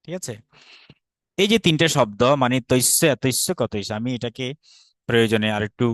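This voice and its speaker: A man's voice: medium pitch, animated, fairly quick, dry recording. A man with a Bangladeshi Bengali accent teaching an online class, patient, repeating drills and often checking that students follow. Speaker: Sanskrit teacher.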